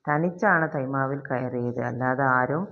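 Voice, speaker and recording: A teacher going through a school poem line by line, chanting each verse slowly, then explaining it in plain words. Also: mid-range voice. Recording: dull lo-fi recording.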